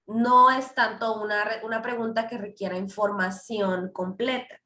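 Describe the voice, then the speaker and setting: A woman's voice: a little high, steady tone, moderate pace, bright, forceful tone, echoey room. A woman teaching English grammar in a class, explaining with many fillers and English examples.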